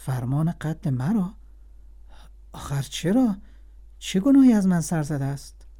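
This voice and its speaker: Brief: meek old-time healer, voiced by a man, humble, pleading, mellow. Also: a little high, natural voice. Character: gentle wise male healer.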